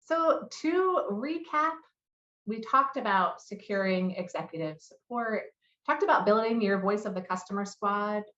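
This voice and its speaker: A woman with a mid-range, fairly bright voice gives a business presentation and fields questions as head of customer marketing at a conference. The recording has a roomy echo and sounds slightly muffled.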